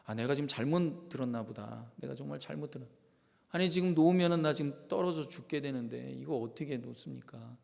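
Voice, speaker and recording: A man's voice: medium pitch, fairly quick, creaky, darkish tone. A male pastor voicing a desperate man clinging to a branch and begging to be saved, pleading frantically, in a reverberant church sanctuary.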